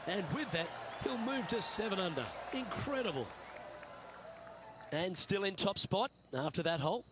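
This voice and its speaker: A man's voice: high voice, animated, moderate pace, a crowd in the background. A man giving scripted play-by-play golf commentary in short, upbeat calls. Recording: commentary over outdoor course noise.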